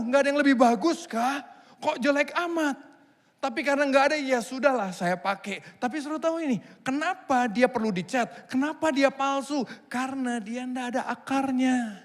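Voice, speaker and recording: A male pastor preaching a sermon in a church, switching between a calm, low voice and lively, higher outbursts as he acts out dialogue. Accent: Indonesian. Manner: animated preaching, voicing God and a complaining husband. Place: church hall. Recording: long church hall reverb.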